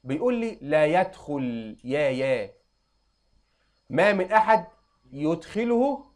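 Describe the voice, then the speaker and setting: A young adult man with an Egyptian accent, teaching an Arabic grammar lesson and quizzing students with quick questions. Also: fairly high pitch, very animated. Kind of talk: classroom lesson.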